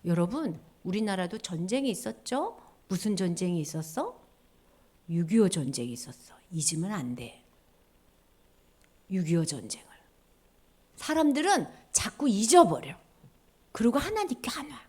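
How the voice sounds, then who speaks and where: A woman preacher giving a children's sermon, animated storytelling in simple words, asking the listeners questions. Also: medium pitch, normal speed, long pauses, slightly rough.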